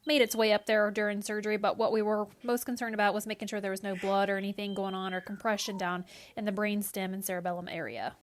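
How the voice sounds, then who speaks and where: A woman's voice: medium pitch, fairly even intonation, fast, pauses often, background noise. Woman explaining in vlog narration. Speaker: vlogger recounting her recovery.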